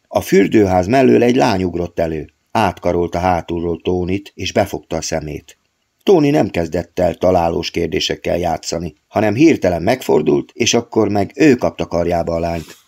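A man narrating an audiobook of his own novel in a steady storytelling read. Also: sits low, creaky.

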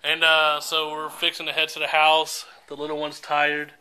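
A man's voice: a little high, monotone, normal speed, bright, forceful tone, rough recording. A man chatting casually and teasing his family while filming a home video on a handheld camcorder. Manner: joking, teasing, folksy. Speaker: vlog host. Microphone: handheld pocket camcorder.

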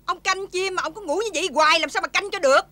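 A woman's voice: very high voice, fast talker, sharp tone, no echo. An actress playing a greedy, bossy farmer's wife who scolds and nags her husband. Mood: scolding. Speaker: greedy farmer's wife in a folk-tale film. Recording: very noisy old film soundtrack.

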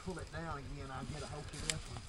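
Man over loud outdoor noise. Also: mid-range voice, fairly even intonation, quick pace, far from the mic. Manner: easygoing, joking banter. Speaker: riding buddy. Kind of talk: casual chat on a trail ride. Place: outdoors on a wooded dirt bike trail.

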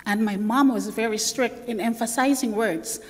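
A woman elder preaching a sermon, telling a childhood story with lively acted-out family voices. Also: a little high, moderate pace. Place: church sanctuary. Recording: long church reverb.

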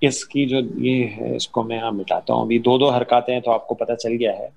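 A man's voice: medium pitch, fairly even intonation, fairly quick, creaky, darkish tone. A man teaching an online Arabic and Tajweed class, patiently explaining rules and modelling the sounds.

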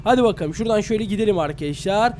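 Fast-talking high-voiced man. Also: animated, a little mellow, a little hiss or hum. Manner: chatty, keeps addressing viewers. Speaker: YouTuber. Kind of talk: Minecraft role-play.

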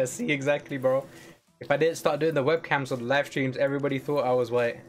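A man's voice: mid-range voice, flat delivery, fairly quick. A young British man chatting casually on a game live stream, rambling with lots of fillers. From United Kingdom.

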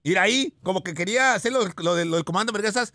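A man's voice: high voice, racing, lightly acted. A man voicing a boastful self-proclaimed Spartan god, teasing and theatrical as he mocks a video. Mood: mocking. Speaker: radio show host character. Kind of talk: mocking video reaction commentary. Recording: noisy background hiss.

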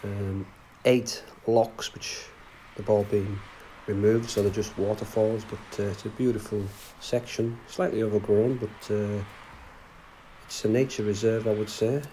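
A middle-aged man talks through his bike ride in a relaxed, rambling way, full of ums. He is recorded outdoors on a camera mic, with faint background noise behind him. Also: lowish voice, measured pace. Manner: relaxed, many fillers. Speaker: bikepacking vlogger. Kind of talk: casual travel narration. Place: outdoors on canal towpath.

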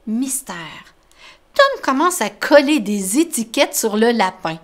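A woman's voice: a little high, sing-song, a little slow. A woman, a library storyteller reading a children's story aloud and explaining words simply to the children.

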